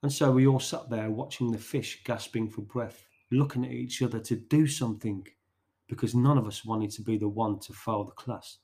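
Man slowly narrating a podcast story. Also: mid-range voice, fairly even intonation, warm tone.

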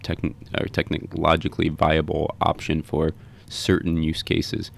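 A man hosting a podcast interview, talking in a halting way and often repeating words. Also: extremely low pitch, completely flat delivery, vocal fry, a little hiss or hum. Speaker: podcast host.

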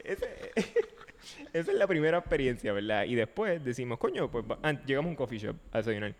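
A man hosting a podcast in casual chat, telling stories in an animated way and laughing often. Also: medium pitch, a little fast. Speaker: podcast host. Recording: long reverb.

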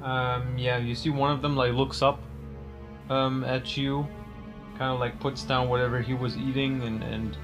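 A man running a tabletop game, narrating casually and haltingly as he searches for his words. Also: medium pitch, little pitch movement, over music. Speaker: game master.

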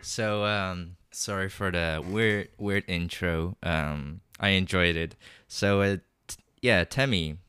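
Deep-voiced young man hosting a podcast. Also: pushed and bright, smooth, no echo. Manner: halting, filler-heavy, laughs easily. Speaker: podcast host. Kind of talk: casual podcast chat.

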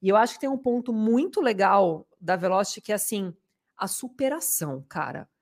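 A woman's voice: medium pitch, animated, a little fast, darkish tone. A woman, co-hosting a podcast in casual, chatty talk, laughing often. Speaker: podcast co-host. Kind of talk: casual chat.

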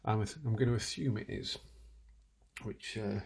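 Guy rambling quietly at home late at night, raspy gravelly voice, self-deprecating radio chat. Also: fairly low pitch, fairly even intonation, measured pace. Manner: self-deprecating, wry, full of asides and restarts; talking quietly, half-whispering at times. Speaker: radio host. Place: room in his own house at night.

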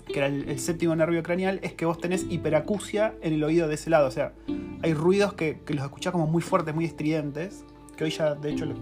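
A man in his thirties with a Rioplatense Spanish accent, telling a story in a casual, slangy, self-mocking way as a podcast co-host. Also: on the high side. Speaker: podcast co-host, course creator. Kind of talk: casual chat.

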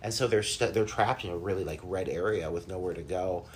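A man's voice: sits low, a little fast, a little hiss or hum. Enthusiastic rambling podcast guest man. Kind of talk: casual pop culture chat.

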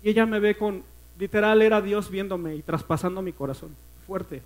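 A man with a Mexican accent preaching a personal testimony at a church service, earnest and emotional, often dropping to a hush. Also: high-pitched, fairly even intonation, normal speed, rough recording. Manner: earnest, emotional storytelling that often sinks to a hushed voice.

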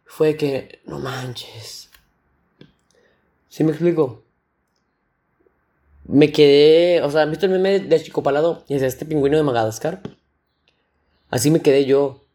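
A young man with a Mexican accent telling stories on his solo podcast in a slangy, animated way, imitating sounds with his mouth. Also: medium pitch. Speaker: podcast host. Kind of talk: casual solo podcast storytelling.

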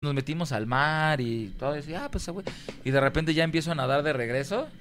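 Young Mexican male radio host, slangy animated storyteller, pitch a touch high. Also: fast, loud music behind the voice. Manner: slangy, animated, laughs while telling. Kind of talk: casual storytelling chat.

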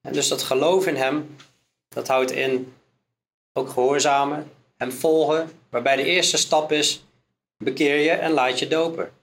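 A man's voice: medium pitch, flat delivery, unhurried, pauses often, a bit bright. Dutch-accented man teaching from scripture. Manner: reads scripture aloud, then explains it verse by verse. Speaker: preacher. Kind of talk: Bible teaching sermon.

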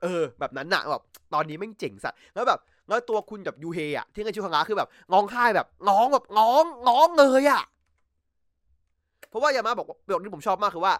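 A man hosting a casual podcast from home over a voice chat call, recapping episodes in an excitable, slangy way and swearing freely. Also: high voice, no echo, studio quality. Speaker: podcast host. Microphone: computer mic over voice chat.

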